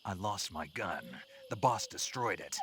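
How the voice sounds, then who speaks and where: An actor playing a gruff, brooding middle-aged soldier in a video game, with a gravelly voice. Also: male voice, low voice, expressive, a little slow, bright, forceful tone, a little hiss or hum, exaggerated voice. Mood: grim, terse.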